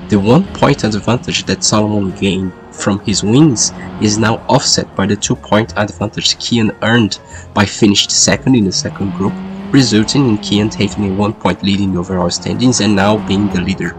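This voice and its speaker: Low, congested duck-voiced man commentating. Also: steady tone, normal speed, poor audio. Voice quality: congested, sick-sounding "duck voice". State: sick with a lingering cold. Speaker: sim racing commentator and host. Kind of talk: race qualifying commentary. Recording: music behind the voice. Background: background music.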